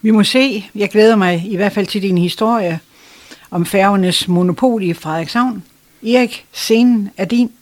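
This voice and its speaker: A host reading a scripted introduction and then asking a historian questions in a clear, measured way. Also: mid-range voice, dry recording.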